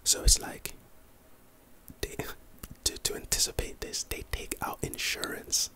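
A man from London, England, with a matching accent, gives casual ASMR commentary, reading trivia and reacting in a rambling, playful, slangy way. He's unhurried, with a sharp tone.

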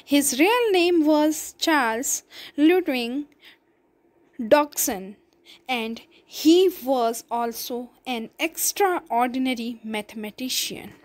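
A woman's voice: sits high, expressive, slow pace. A woman teacher reading a story aloud to her class and explaining the meanings of words. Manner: clear, explaining word meanings.

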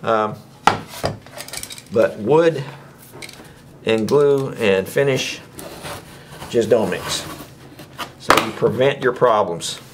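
Speaking very slowly and pausing often, an older man with a lowish voice leads a hands-on woodworking demo at an indoor workbench. His style is chatty and folksy with plenty of rhetorical questions, and the background is noisy.

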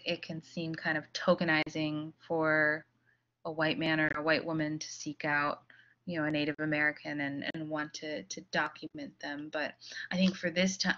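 A woman's voice: low-pitched, fairly bright tone. A woman giving a recorded lecture, talking loosely with many fillers and restarts. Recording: slightly dull audio.

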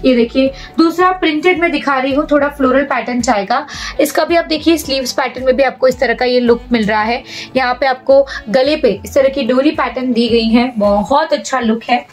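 A woman's voice: sits high, brisk. A young Indian woman presenting clothing in a shop with a chatty, persuasive sales patter, repeating words for emphasis. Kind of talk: product showcase sales pitch. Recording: voice a bit far from the mic, music underneath.

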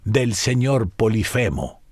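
A man voicing a small orphan boy who answers quietly and plainly. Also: medium pitch, big pitch swings, slow pace, dry recording, studio quality. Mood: timid.

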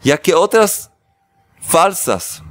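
A man leads a religious class as a rabbi, joking with viewers before explaining the text. His voice sits a little high and swings widely in pitch. The sound is dry, with no room echo. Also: extremely slow. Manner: animated, joking with the audience, then explaining. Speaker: rabbi teaching a weekly class.

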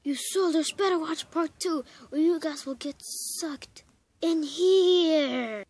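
A woman's voice: very high voice, takes it slowly, darkish tone. A woman improvising voices for soldiers in a homemade game video, rambling and goofy with lots of "like" and "uh". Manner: rambling and goofy, heavy use of "like" and "uh". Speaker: amateur video maker voicing game soldiers. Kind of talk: improvised game machinima voice-over.

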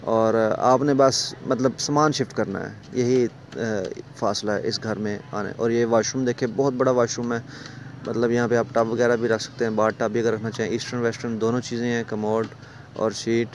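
A man with a Pakistani Urdu accent, a property dealer, gives a walking tour of a large, empty rental house, moving through rooms and on the stairs while filming on a phone camera. His mid-range voice is steady at a moderate pace, with slight hiss or hum, and his pitch is salesy as he keeps pointing things out.

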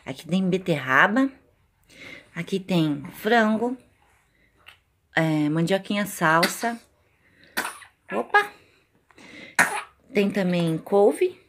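A woman's voice: mid-range voice, expressive, drawn-out words, long pauses, background noise. A woman with a Brazilian Portuguese accent, a mother of twins chatting casually in a home vlog and talking sweetly to her babies.

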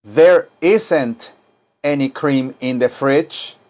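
A man teaching an English lesson, drilling phrases with slow repetition and modeling English sentences. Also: mid-range voice, darkish tone.

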